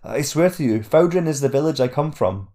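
A man voicing a frightened young boy who answers quickly in a shaky voice. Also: mid-range voice, lively intonation, warm tone, pitched above the performer's own voice, natural voice.

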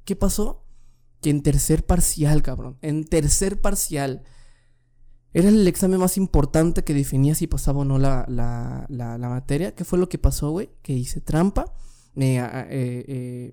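A man's voice: fairly high pitch, unhurried, dark tone. A young man with a Mexican accent telling a story from his school days as casual advice, full of slang and restarts, speaking from a room at home. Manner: slangy, says "güey" constantly, many restarts. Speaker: vlogger giving school advice. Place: room at home, family downstairs.

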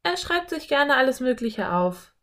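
A woman voicing a brave, excitable young girl in an audiobook. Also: high voice, measured pace, voice pushed up, full character voice. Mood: eager. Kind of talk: audiobook character voice.

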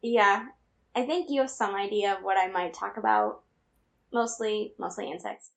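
A woman's voice: medium pitch, expressive, moderate pace, creaky. A young woman co-hosting a casual podcast, earnestly explaining animal facts with small laughs. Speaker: podcast co-host.

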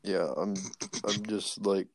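British teen boy, deep for his age, laid-back mumbly chat on a voice call, dry sound. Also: level tone, slow pace, no echo. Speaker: friend on a voice call. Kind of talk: casual chat. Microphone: online voice call.

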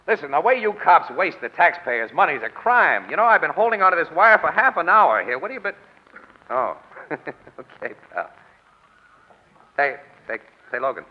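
An actor playing a wry, cool-headed crime photographer who talks in slangy tough talk in old-time radio detective drama style. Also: male voice, on the high side. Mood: brash. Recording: dull vintage radio recording.

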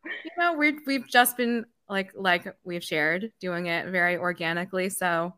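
A woman's voice: fairly low pitch, a little slow, bright, forceful tone, clean tone, dry recording, clean studio sound. A woman co-hosting a podcast, chatting casually in an upbeat way. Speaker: podcast co-host. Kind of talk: casual chat.

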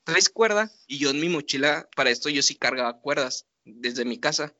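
Young Mexican man with a bright voice. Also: a little high, normal speed, no echo. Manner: laughing, animated retelling with slang. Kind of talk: casual storytelling. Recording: dull lo-fi sound.

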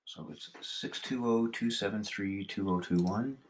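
A man's voice: on the low side, measured pace, heavy background noise. A man from Canada chatting casually and wryly as a caller. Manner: chatty, wry. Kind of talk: casual chat.

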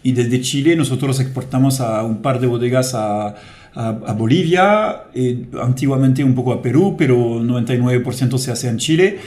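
A man from France, a French native speaking in a relaxed, chatty way with frequent hesitations, interviewed as a guest in a radio studio. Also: medium pitch, normal speed. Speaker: guest, company director.

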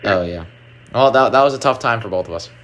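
A man co-hosting a podcast in casual chat, relaxed and wry. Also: lowish voice, fast. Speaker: podcast co-host.

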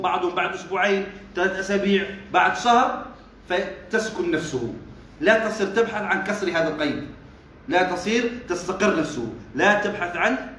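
Working through a classical text, this religious teacher explains each step, tests his students with questions, and slips dialect remarks into his formal delivery. He sounds high and a bit bright, with slight background noise and heavy room echo.

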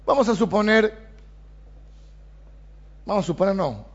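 High-voiced Rioplatense preacher. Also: male voice, measured pace. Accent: Rioplatense Spanish. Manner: animated, reads scripture aloud with rising emphasis. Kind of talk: sermon. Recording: dull lo-fi sound.

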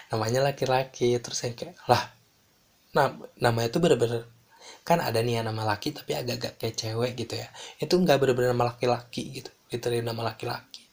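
A young man telling a personal story in casual slang, animated and dropping in English phrases. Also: medium pitch, a little fast, creaky.

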